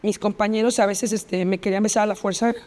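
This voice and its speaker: Reliving a personal story in vivid detail, a Mexican-accented woman on a podcast interview reenacts past dialogue and repeats phrases. Her mid-range voice has fairly even intonation, a quick pace and a darkish tone, and she is heard in a large hall.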